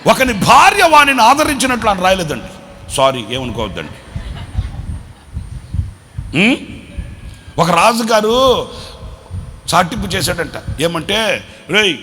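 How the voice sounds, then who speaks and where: Guy preaching, high bright voice, fired up, quizzing the crowd, long hall echo and a bit of noise. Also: huge pitch swings, slow, pauses often. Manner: impassioned preaching, swinging between shouted refrains and hushed low asides; questions the congregation and calls for responses. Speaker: pastor. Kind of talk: sermon. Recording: reverberant hall with faint background noise.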